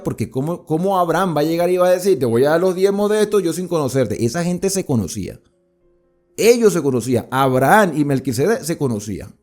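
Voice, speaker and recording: Man teaching the Bible over soft music. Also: fairly high pitch. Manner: rhetorical questions, emphatic.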